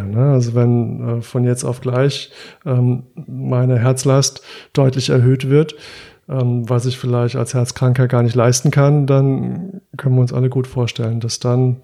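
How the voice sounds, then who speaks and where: A man's voice: medium pitch, warm tone. A man explaining medical points in a casual discussion, checking facts with his partner. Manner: explanatory, asks the other for confirmation. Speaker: medical podcast co-host.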